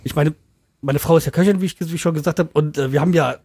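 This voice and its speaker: A man's voice: a little high, quick pace, warm tone, slightly rough, no echo. A man in a casual podcast chat, hesitant, repeating himself as he gives his opinions.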